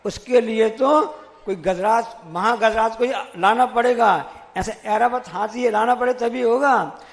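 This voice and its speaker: A man's voice: extremely high pitch, unhurried, in a large hall. A man, a monk, giving a sermon, telling stories with acted quotes and repeated phrases. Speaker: Jain monk.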